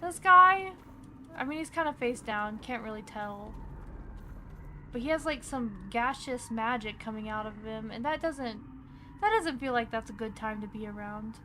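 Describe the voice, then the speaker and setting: A woman's voice: a little high, normal speed, sharp tone. A young woman streaming a game, chatting casually and giggling as she talks to the characters. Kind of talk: casual gameplay commentary. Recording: game sound noise behind.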